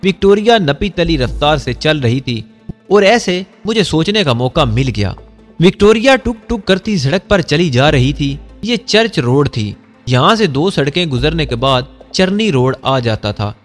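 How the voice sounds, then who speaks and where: A man narrating a first-person story in a measured storytelling delivery. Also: fairly high pitch, very animated. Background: faint music.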